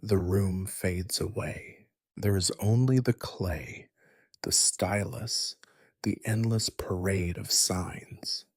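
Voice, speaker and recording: Man, whispered role-play, sleep story narrator, very low voice, breathy, dry close sound. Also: slow, no room sound. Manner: soft unvoiced whisper, gentle.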